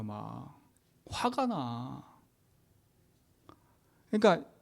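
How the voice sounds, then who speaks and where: Animated Korean pastor preaching. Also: male voice, on the high side, gravelly. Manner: animated and conversational, with rhetorical questions. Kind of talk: sermon.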